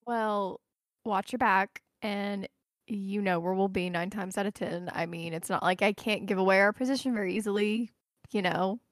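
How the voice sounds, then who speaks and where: A woman's voice: mid-range voice, fairly even intonation, normal speed. A woman player in a tabletop game who makes dry, teasing quips. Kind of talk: tabletop game play, casual chat.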